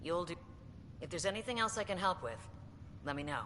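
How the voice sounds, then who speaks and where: A woman's voice: fairly low pitch, lively intonation, a little fast, a bit bright, long reverb tail, slight background noise. A woman voicing a seasoned female starship captain with a matter-of-fact manner.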